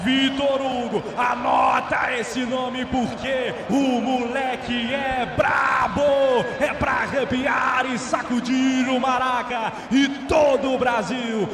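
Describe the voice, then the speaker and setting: A Brazilian man doing explosive football play-by-play, shouting goal calls with drawn-out words and catchphrases. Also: very high voice, steady tone. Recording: roomy, distant stadium sound with crowd noise. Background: stadium crowd and ambience.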